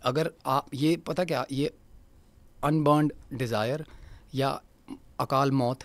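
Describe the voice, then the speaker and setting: A man's voice: medium pitch, fairly even intonation, slow, no echo. Male podcast guest, vivid storyteller, repeats lines for weight, dry close sound. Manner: vivid storyteller who repeats phrases for emphasis; mixes English words into his speech. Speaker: guest paranormal researcher. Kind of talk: recounting a ghost encounter in a podcast interview.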